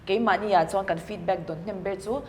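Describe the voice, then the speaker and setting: A woman talking in a relaxed, thoughtful way and mixing in English business terms, recorded in a cafe. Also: mid-range voice, fairly quick, in a large hall, background noise. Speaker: entrepreneur guest. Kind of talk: casual conversation.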